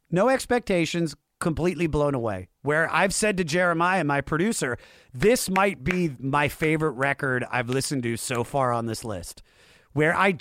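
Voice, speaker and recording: A man hosts a casual music podcast, talking informally and enthusiastically with slang and swearing. His voice is slightly high with a fairly bright tone, recorded at studio quality with no room sound.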